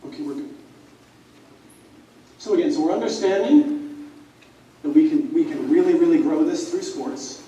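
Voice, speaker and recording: Male conference speaker, animated storyteller, mellow and somewhat high voice, heard from a distance. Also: a little hiss or hum. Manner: animated storyteller, acting out quoted dialogue. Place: conference hall. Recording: echoey hall, voice from far off.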